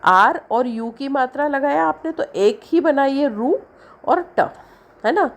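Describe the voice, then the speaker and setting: A woman teaching an English syllabus lesson in Hindi, explaining slowly and stretching out the example words. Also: high-pitched, expressive.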